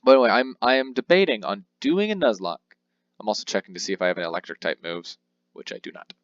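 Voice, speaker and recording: A young let's play host rambles casually through a handheld game playthrough, poking fun at himself and reading game text aloud in different voices. His lowish voice is sing-song and fast. The recording is dry and dull.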